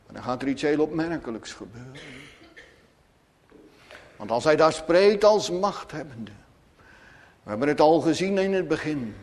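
A man's voice: a little high, darkish tone, long reverb tail. A man preaching a sermon to his congregation, solemn, with dramatic rises and falls. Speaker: pastor.

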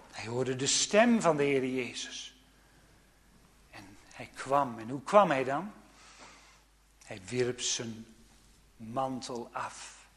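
A man preaching a sermon, swinging between fervent raised passages and hushed, quiet ones. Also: medium pitch, in a large hall.

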